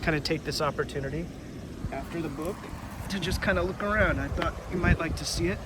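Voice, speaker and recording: A man with a brisk, rather high voice hosts an informal children's read-aloud outside beside a river. He summarizes a children's book in casual chat, rambling and getting sidetracked easily. The outdoor recording is noisy.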